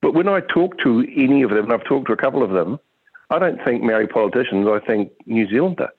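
A tinny, narrow phone line carries a man calling in to talk radio. He airs his opinions casually at a middling pitch, in halting but emphatic phrases. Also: lively intonation, slightly rough, dry recording. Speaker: phone-in caller. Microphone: telephone.

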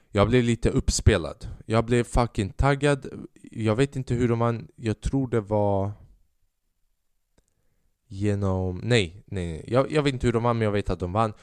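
A man's voice: lowish voice, a little mellow, clean tone, no room sound. A young man hosting a casual podcast, a stand-up comedian telling stories in a profane, sarcastic way and acting out the dialogue.

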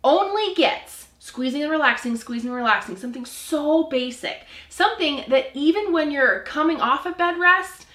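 A woman's voice: high voice, expressive, moderate pace, few pauses, fairly bright tone. Chatty earnest woman, echoey room. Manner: chatty, earnest, self-deprecating with small laughs. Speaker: podcast host, pelvic floor physical therapist. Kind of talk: solo podcast monologue.

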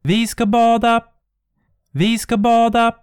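A man voicing a haunting, ghostly singing voice that drags out each line slowly, as if heard from a distance. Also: very high-pitched, steady tone, darkish tone, clear, resonant tone, no room sound, studio quality, pitched above the performer's own voice. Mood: shrill. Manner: slow, drawn-out singing.

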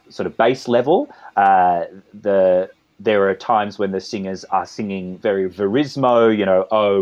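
A man's voice: on the low side, a little mellow, lo-fi sound. A man with an Australian accent, a composer and conductor talking as a guest in an interview, rambling with many restarts and asides. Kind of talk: conversational interview.

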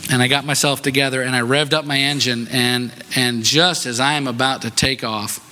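A man preaching in a church, spinning a personal story into his sermon. His voice is bright and forward, and he talks in an easy, conversational way with self-deprecating asides. He sits at a mid pitch and keeps asking his listeners "right?". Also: fairly even intonation, moderate pace, a little hiss or hum. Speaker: pastor.

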